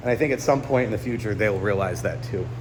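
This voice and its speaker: A man's voice: on the low side, fast, a little hiss or hum. A man in his forties, a YouTuber, talking candidly to his viewers in an earnest, confiding way, swinging between emphatic and subdued, standing in a gym. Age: 40s. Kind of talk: candid personal vlog monologue. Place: indoor gym.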